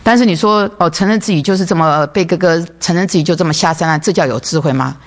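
A woman's voice: on the low side, quick pace. A woman preaching a sermon, asking rhetorical questions and acting out everyday conversations. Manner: asks rhetorical questions and acts out everyday dialogue.

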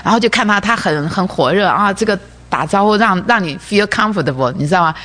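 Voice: mid-range voice, lively intonation, fairly quick, pushed and bright. A preacher giving a sermon that explains a diagram, who often repeats words and keeps asking the listeners rhetorical questions.

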